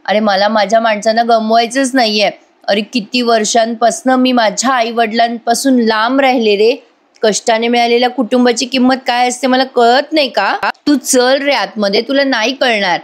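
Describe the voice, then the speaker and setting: Woman voicing a young schemer, pushy, wheedling, coaxing repetitions, slightly high voice. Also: steady tone, normal speed, close to an everyday voice.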